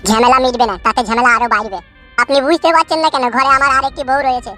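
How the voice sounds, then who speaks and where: Voicing a jilted young village husband in a cartoon dub, a performer wails over his heartbreak at a racing, breakneck clip. The voice is high and squeaky for a man, aggrieved, self-pitying and dramatic, stacking florid image upon image in long laments over a soft music bed.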